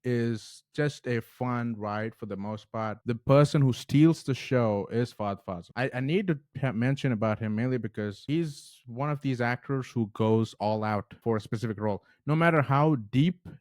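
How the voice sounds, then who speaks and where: A man's voice: medium pitch, moderate pace, few pauses, darkish tone, no room sound, studio quality. A man hosting a casual movie review vlog, talking in an enthusiastic, conversational way.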